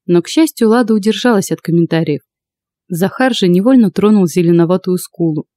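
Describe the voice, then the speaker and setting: A woman narrating first-person fiction for an audiobook in a calm, even storytelling voice. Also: on the low side, a little fast, dry recording.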